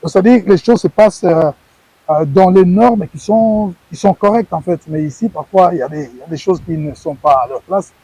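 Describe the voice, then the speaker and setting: Speaking a little fast in a high, mellow voice with a breathy edge, the Congolese ex-wrestler, middle-aged, earnestly fields interview questions and frequently repeats words while searching for phrasing. There's no room sound, and the recording quality is low.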